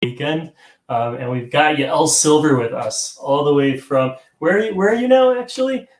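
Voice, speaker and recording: Over a video call stream with a roomy echo, a man with a slightly high, animated voice hosts a live online theater talk show at normal speed. It's casual chat, rambling, with lots of chuckles and false starts.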